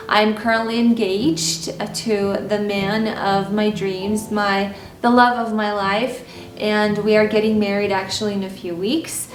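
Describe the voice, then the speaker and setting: A Ukrainian woman whose first language is Russian, a style and mindset vlogger, tells personal stories to camera in a candid, conversational manner full of fillers. Her voice is medium-pitched and picked up from far away, with roomy echo and a music bed.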